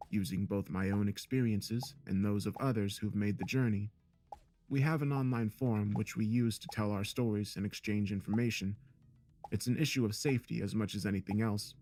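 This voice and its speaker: Male narrator with a low voice for first-person horror, calm and measured. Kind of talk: scripted narration.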